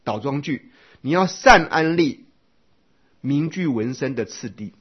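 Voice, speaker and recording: A man delivers a Buddhist dharma lecture in a husky voice. His pitch moves a lot as he explains point by point and keeps asking rhetorical questions. The recording sounds dull and lo-fi. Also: animated, a little slow. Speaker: Buddhist teacher.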